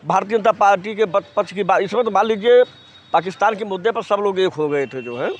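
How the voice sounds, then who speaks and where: A man's voice: sits high, a little fast. A man in a street interview, talking emphatically and often repeating the same filler phrase. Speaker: passerby giving opinion. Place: outdoors on a city street.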